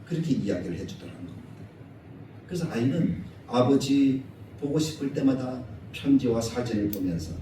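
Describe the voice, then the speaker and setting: A male pastor delivering a Sunday sermon in a church, animated, acting out quoted scolding in a raised voice. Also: medium pitch, normal speed, noisy background. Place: church sanctuary. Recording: echoey church hall, mic at a distance.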